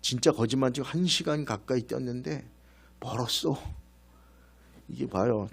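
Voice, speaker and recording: Husky-voiced pastor telling a lively story. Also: male voice, medium pitch. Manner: animated storytelling, asides to the congregation. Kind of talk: sermon with a personal story. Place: church.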